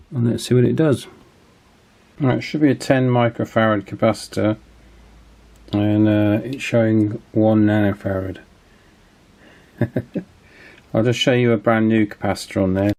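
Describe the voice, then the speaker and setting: With a warm, mid-range voice, a male channel host explains a repair job casually. He comes across as informal and matter-of-fact, though a little hesitant.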